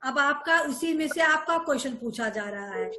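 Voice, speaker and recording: High-voiced woman teacher, echoey noisy room. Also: lively intonation, normal speed, sharp tone. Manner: explains patiently, often checks with "ठीक है?" and "है ना?". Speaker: school teacher. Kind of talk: online Hindi grammar class. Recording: echoey room with clear background noise.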